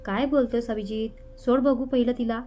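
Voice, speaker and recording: A woman's voice: a little high, steady tone, normal speed, warm tone, natural voice. A woman storyteller voicing a stern elderly man who scolds a young man. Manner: scolding, reproachful. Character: stern elderly father figure scolding his son.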